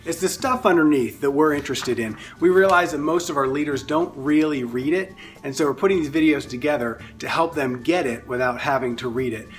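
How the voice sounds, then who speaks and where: A man explaining step by step how to host short overview videos, in a relaxed, friendly way with frequent fillers, over light music. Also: fairly high pitch, brisk, few pauses. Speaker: ministry staff instructor. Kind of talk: casual instructional explanation.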